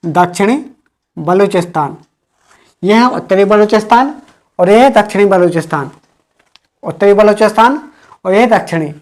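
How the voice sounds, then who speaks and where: A woman teaching an exam-prep history class, repeating key points slowly and quizzing the listeners. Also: medium pitch, darkish tone.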